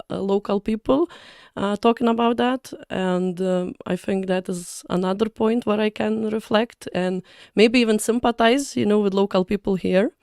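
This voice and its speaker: A woman's voice: medium pitch, darkish tone, clear, resonant tone, no room sound, clean studio sound. A woman from Lithuania, a native Lithuanian speaker, talking in English as a podcast guest and choosing her words carefully with small fillers. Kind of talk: casual interview talk.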